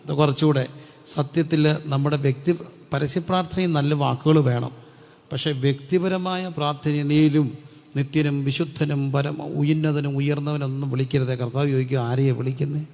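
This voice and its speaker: A middle-aged man preaches a Pentecostal sermon, throwing repeated questions at his congregation and answering them himself. His voice has a gravelly edge, and it rings out with a long reverb in a big hall. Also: on the high side, steady tone, normal speed, a little mellow. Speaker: pastor.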